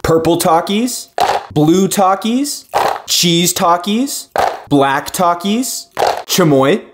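A young man announcing food-challenge items one by one in clipped, deadpan short phrases. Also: sits high, extremely slow, very noisy. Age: young adult.

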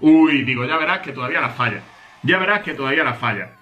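A man's voice: mid-range voice, expressive, quick pace, bright, forceful tone, highs cut off, soft background music. A young man from Spain with a Spain Spanish accent commentates his gameplay in a hyped, boastful way, rattling off repeated words. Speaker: gaming youtuber.

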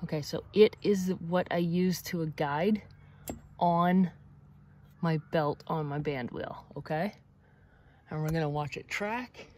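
A middle-aged woman with a fairly low voice explains sawmill maintenance step by step. She sounds practical and encouraging as she works outdoors. Faint outdoor ambience sits under her voice on the camera mic. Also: slow pace, darkish tone, a little hiss or hum. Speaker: sawmill owner demonstrating maintenance. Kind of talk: hands-on instructional video. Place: outdoors beside a sawmill in snowy woods.

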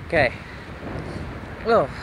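A young man chatting casually in a halting, exclaiming way for a vlog, walking outdoors with wind buffeting his handheld microphone. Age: young adult. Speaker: vlogger. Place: outdoors on a windy snowy roadside. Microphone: handheld camera at arm's length. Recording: loud wind buffeting the mic.

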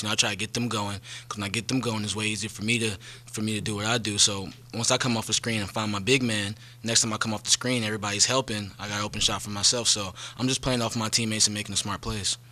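A young man, a college basketball player, explaining his play in a quick, matter-of-fact way at a press conference desk microphone. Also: lowish voice, steady tone, pushed and bright. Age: young adult. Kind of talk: post-game press conference answers. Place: press conference room, seated at table. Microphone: desk microphone on stand.

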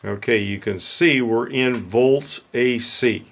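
Slow, plain-spoken older repairman. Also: mid-range voice, vocal fry, fairly bright tone. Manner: plain-spoken, unhurried, folksy. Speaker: HVAC repair instructor. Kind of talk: hands-on instructional demonstration. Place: workshop bench, off camera.

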